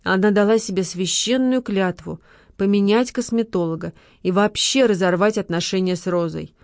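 A woman narrating an audiobook with even, clear scripted storytelling. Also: medium pitch, normal speed, no echo, clean studio sound.

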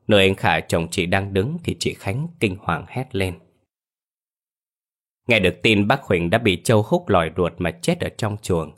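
A man reads a scripted horror story at a steady, measured pace. His voice sits very low, giving the tale a grave weight.

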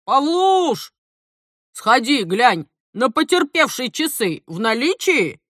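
Woman reading a stern police major, gruff, official, tired, lively intonation, dry sound. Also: a little high, a little slow, no echo.

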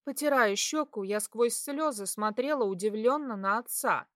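A woman narrating a first-person audiobook in a steady, expressive storytelling voice. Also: on the high side, normal speed, dry recording, studio quality.

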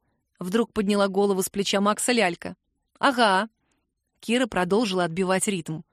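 A woman's voice: mid-range voice, fairly quick, no echo. Woman narrating a novel, close and dry. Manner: even storytelling with voiced characters. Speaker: audiobook narrator. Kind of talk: scripted narration.

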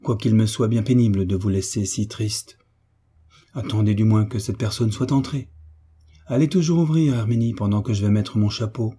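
A man's voice: lowish voice, normal speed, mellow, breathy edge. A man voicing an anxious young heiress in an audiobook, full of astonished questions. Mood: hurried. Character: young rich heiress, anxious concerned friend. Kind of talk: audiobook reading.

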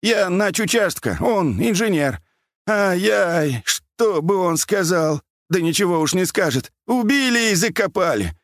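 A man voicing an old male dam watchman, a war veteran who shouts, wails and fusses. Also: sits high, animated, measured pace, no echo, studio quality, voice pushed up. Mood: lamenting. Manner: wailing, shouting, fussing.

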